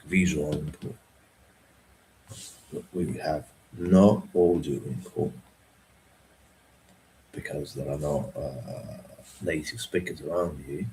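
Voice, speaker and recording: Male streamer, deep and unhurried, filler-heavy, keeps checking in with "right?". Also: a little mellow, slight background noise, poor audio. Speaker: trading educator. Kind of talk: unscripted livestream talk.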